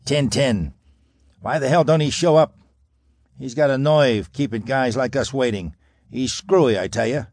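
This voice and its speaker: A man voicing a raspy, impatient ex-mobster, talking in loud, sneering gangster slang in an audiobook. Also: mid-range voice, normal speed, no echo, clean studio sound, pitched above the performer's own voice, close to an everyday voice. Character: impatient, arrogant ex-mobster man, tough talker. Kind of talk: audiobook character voice.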